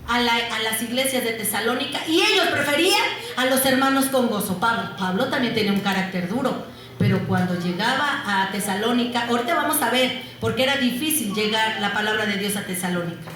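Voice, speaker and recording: A woman preaching a sermon. She asks the congregation questions and answers them herself, and she stretches key words slowly for emphasis. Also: sits high, fairly bright tone, a little hiss or hum. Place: church. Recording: very echoey church hall.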